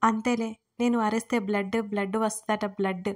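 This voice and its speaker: A woman's voice: medium pitch, little pitch movement, normal speed, lightly acted. A woman voicing a feisty, playful young woman who sulks and talks back with sarcasm, in a storybook reading. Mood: shouting. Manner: sulky, sarcastic.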